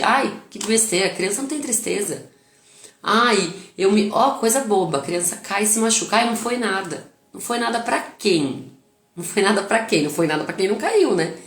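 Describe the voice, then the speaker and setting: A woman's voice: medium pitch, echoey room. A Brazilian woman who is a mother, hosting a live talk on parenting in a casual teaching style. She acts out quoted phrases and puts questions to her viewers. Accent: Brazilian Portuguese. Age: adult mother. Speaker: live-stream host on parenting and emotions.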